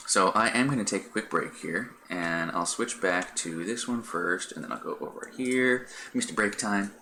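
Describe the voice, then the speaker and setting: A man's voice: low-pitched, pushed and bright, a little hiss or hum. A middle-aged man chatting casually on a live stream, rambling with many fillers and restarts. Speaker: Twitch streamer.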